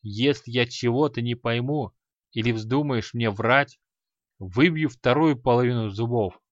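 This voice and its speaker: A man's voice: mid-range voice, a little slow, no room sound, dull audio, close to an everyday voice. A man doing a grim, short-tempered mage. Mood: menacing. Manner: gruff, threatening, barely restrained anger.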